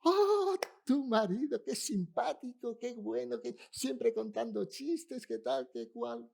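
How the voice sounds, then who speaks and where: A gushing woman selling poultry at a market, as a man puts her on, her voice lifted high and softened. She lingers over each compliment, slow and sing-song. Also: big pitch swings, gravelly, exaggerated voice. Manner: gushing, drawn-out praise.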